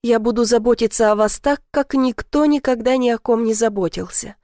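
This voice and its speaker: A woman voicing a tender, adoring young boyfriend in a read-aloud story, speaking softly and slowly to reassure. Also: a little high, no echo, clean studio sound, lightly acted. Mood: overjoyed.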